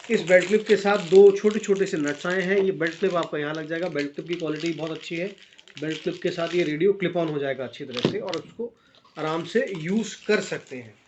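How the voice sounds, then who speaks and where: Dull, lo-fi audio with faint noise and clicks carries a fairly high, darkish-toned male voice with an Indian accent. He gives a relaxed, step-by-step product review, addressing viewers as friends and mixing in English phrases.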